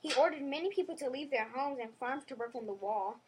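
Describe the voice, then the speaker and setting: A woman's voice: high-pitched, lively intonation, a little fast, a little hiss or hum. A woman voicing an imaginative, eager young schoolgirl in a storybook reading, earnest and dreamy.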